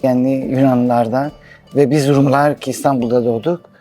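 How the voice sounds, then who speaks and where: A middle-aged man from Istanbul, speaking halting, slightly broken in a casual street interview. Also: mid-range voice, steady tone, mellow, soft background music. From Istanbul, Turkey. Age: middle-aged to 60s.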